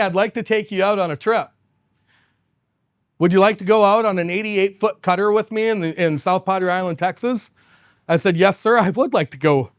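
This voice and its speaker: A man's voice: high-pitched, no echo, clean studio sound. A man giving a conference keynote, telling stories with laughs and acting out the people he quotes. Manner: animated, laughs often, acts out quoted people. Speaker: company executive giving a keynote. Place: conference stage.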